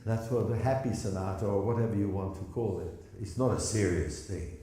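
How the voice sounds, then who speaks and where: A man's voice: on the low side, a little fast, warm tone. A man teaching a piano masterclass, explaining with demonstrative, jokey remarks and singing phrases on syllables. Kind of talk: masterclass coaching. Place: recital hall. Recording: very echoey hall with faint piano.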